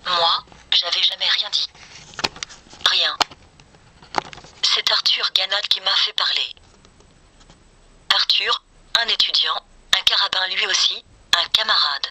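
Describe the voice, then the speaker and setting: A woman's voice: mid-range voice, bright, forceful tone, husky, low-quality recording. A synthetic text-to-speech woman's voice reading a novel aloud in a mechanical, choppy way. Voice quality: synthetic, machine-generated. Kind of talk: scripted audiobook-style reading of a novel.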